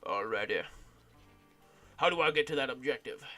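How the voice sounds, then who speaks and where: A man streamer giving goofy, rambling gaming commentary with bursts of shouting, with game music faint behind. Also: mid-range voice, lively intonation, normal speed.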